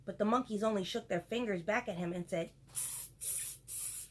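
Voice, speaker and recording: Reading a picture book aloud to children, a woman adds chatty asides to her young listeners. Her mid-range voice is a little mellow and moves at a quick pace, with slight hiss or hum in the audio.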